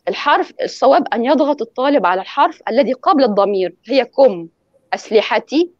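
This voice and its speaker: A woman's voice: a little high, animated, fast talker, dry recording, lo-fi sound. A woman teaching in an online lecture, explaining pronunciation rules and demonstrating examples over a call. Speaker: guest lecturer on Quran recitation.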